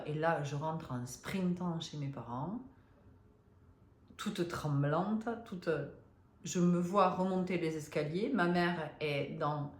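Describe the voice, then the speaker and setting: Woman, 50s, low voice, halting confiding storyteller, echoey room. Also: a little hiss or hum. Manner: hesitant, many fillers and restarts; emotional, confiding. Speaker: spiritual vlogger. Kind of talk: personal storytelling to viewers. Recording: roomy echo.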